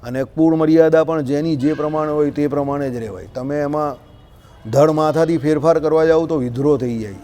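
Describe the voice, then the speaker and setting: A man's voice: on the high side, brisk, mellow. A man giving a religious scripture discourse in a conversational way, mixing in folksy anecdotes and checking in with his listeners often. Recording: long hall reverb.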